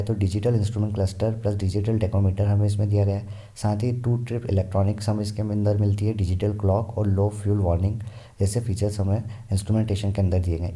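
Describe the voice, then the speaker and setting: Man, car reviewer, very mellow low voice, steady feature listing.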